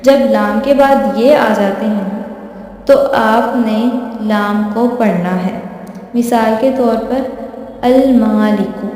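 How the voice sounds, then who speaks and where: A woman teaching a lesson patiently. She repeats each point, checks in with the listener, and slows down to draw out recited examples. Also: a little high, mellow. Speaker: tajweed teacher. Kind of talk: explanatory lesson. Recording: echoey room with long reverb.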